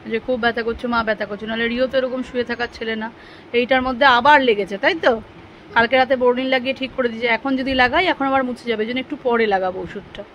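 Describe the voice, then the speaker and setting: Young mother, family vlogger, high voice, playful and tender; light background hiss. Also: steady tone, fast talker, highs cut off. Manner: playful, teasing, then soft and soothing. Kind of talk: casual family vlog narration.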